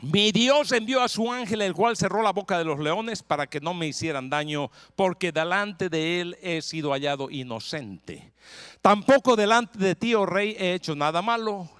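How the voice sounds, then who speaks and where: A man speaking as a calm, faithful old prophet. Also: high voice, moderate pace, clear, resonant tone, dry recording, clean studio sound. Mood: solemn.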